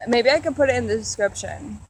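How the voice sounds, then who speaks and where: A woman's voice: a little high, quick pace. A woman hosting her video channel in casual banter, joking and putting herself down. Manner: self-deprecating, joking. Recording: noisy home video. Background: clear background noise.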